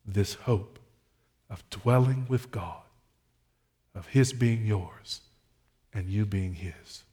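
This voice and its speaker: Earnest male pastor preaching. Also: takes it slowly. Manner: earnest preaching, swells loud when reading scripture, drops soft and low for appeals. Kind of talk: sermon.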